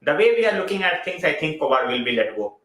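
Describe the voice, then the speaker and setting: A man with an Indian English accent hosts a casual live stream, chatting loosely and greeting viewers by name. His voice is bright and forward. The room adds a clear echo around it. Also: on the high side, sing-song, fast talker. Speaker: football live-stream host.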